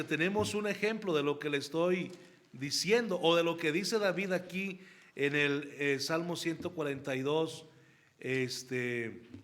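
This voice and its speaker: A male pastor teaching a Sunday school Bible study, reading scripture aloud slowly and calling his listeners brothers. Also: a little high, a bit bright.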